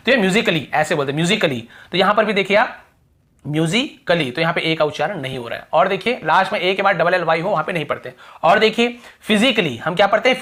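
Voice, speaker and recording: A man teaching English pronunciation in Hindi to viewers, repeating example words slowly and asking rhetorical questions, often dropping to a quiet voice. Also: high-pitched. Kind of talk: explaining pronunciation rules to viewers.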